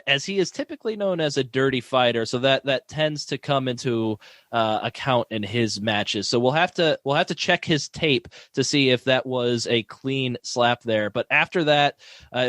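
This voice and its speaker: Guy cracking crude jokes as fake sports color guy, normal pitch voice. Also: fairly bright tone, dry recording, clean studio sound. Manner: crude, wisecracking. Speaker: color commentator. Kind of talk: mock sports commentary.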